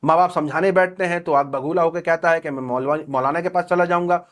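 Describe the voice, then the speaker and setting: A man's voice: fairly high pitch, fairly even intonation, fast. A man hosting a news commentary channel, running through the headlines in a sarcastic tone.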